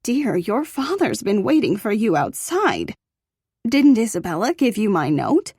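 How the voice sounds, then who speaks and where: A woman voicing a fussy older female school receptionist who chatters primly and quickly. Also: mid-range voice, sing-song, darkish tone, slightly rough, no echo, studio quality, heavily acted. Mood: fussing.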